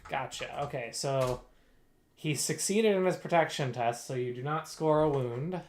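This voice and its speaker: A man narrating a tabletop game as game master. He talks at a slow, unhurried pace, pausing and filling gaps with hesitant fillers. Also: mid-range voice, darkish tone, a little hiss or hum. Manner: slow, halting, many fillers.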